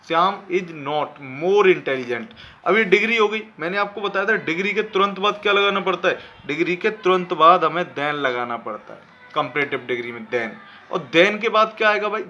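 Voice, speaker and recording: Man, grammar teacher, high voice, quizzes himself aloud, faint room hiss. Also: pushed and bright. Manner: explains slowly, asks and answers his own questions. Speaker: English teacher. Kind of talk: classroom grammar lesson.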